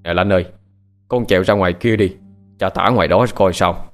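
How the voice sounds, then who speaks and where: A man voicing a poor middle-aged fisherman father who talks softly and reassuringly to his daughter in a told ghost story. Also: low voice, a little fast, faint music behind, natural voice.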